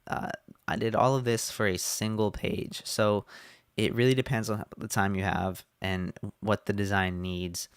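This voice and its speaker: Low-voiced man walking through his web design. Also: unhurried, clean tone, no echo, studio quality. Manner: relaxed, many fillers and restarts. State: losing his voice. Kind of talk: casual screen-share walkthrough.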